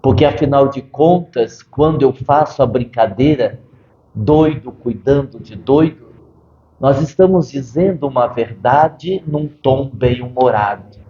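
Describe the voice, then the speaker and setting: A man, a medium, speaking as a spirit doctor in a channeled interview, measured and given to dry humor. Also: medium pitch, mellow, roomy sound, muffled recording, a little hiss or hum.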